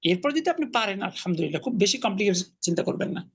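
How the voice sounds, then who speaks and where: A man's voice: sits high, very animated, quick pace, a bit bright, husky. A man teaching an Arabic class online, patiently explaining grammar and correcting his students' pronunciation.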